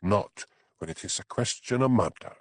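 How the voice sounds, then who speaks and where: Quiet, stubborn Highland constable, Scottish accent, measured and flat, the reader's own voice. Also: male voice, dry recording, clean studio sound, close to an everyday voice. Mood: firm.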